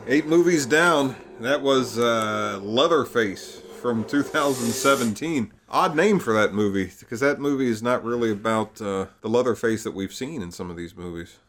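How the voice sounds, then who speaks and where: A man's voice: medium pitch, normal speed, few pauses, a bit bright, slight background noise. Man steering a casual movie chat. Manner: leading questions, steering the talk, dry. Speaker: movie marathon co-host.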